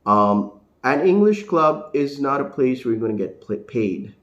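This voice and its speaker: An English teacher from India with a neutral American accent talks casually to the camera in a talking-head vlog, rambling with plenty of fillers and restarts. His mid-range voice is sing-song and a little slow, recorded with a roomy sound and the highs cut off.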